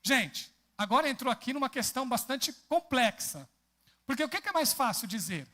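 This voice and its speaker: A man with a Brazilian Portuguese accent preaches in a church, his voice rising and falling widely across a fairly high middle pitch. He keeps turning to the congregation with questions as he explains the text. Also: moderate pace. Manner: animated, often asks the congregation questions. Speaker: pastor. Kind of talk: expository sermon.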